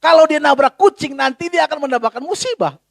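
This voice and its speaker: Brief: male pastor, very high voice, lively sermon, dry close sound. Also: fast, vocal fry, dry recording. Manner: animated, rhetorical questions, colloquial.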